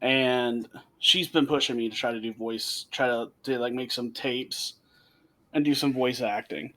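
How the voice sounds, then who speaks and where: A man's voice: mid-range voice, steady tone, measured pace, a bit bright. A man co-hosting a podcast, chatting casually and animatedly over a remote call, laughing often and restarting his sentences. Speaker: podcast co-host.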